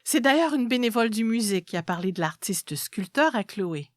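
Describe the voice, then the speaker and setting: A woman's voice: a little high, expressive, normal speed, dry recording, clean studio sound. A woman reading a literary story aloud as a scripted narration.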